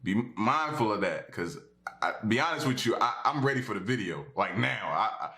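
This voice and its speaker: A man's voice: lowish voice, expressive, a little fast, pushed and bright. A man giving earnest, reflective reaction commentary straight to his viewers. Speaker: music reaction YouTuber. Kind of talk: casual reaction commentary to camera.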